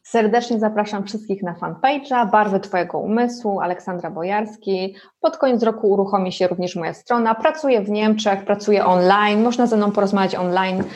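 A woman's voice: medium pitch, fairly quick, hardly any pauses, a little mellow. A woman speaking as a podcast guest, answering in a conversational interview style. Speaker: podcast guest, workshop leader.

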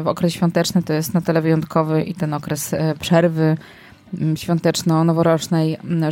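A woman's voice: low-pitched, dark tone, no echo. A woman hosting an informal podcast, speaking hesitantly and repeating words for emphasis. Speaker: podcast host. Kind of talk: informal podcast interview and sign-off.

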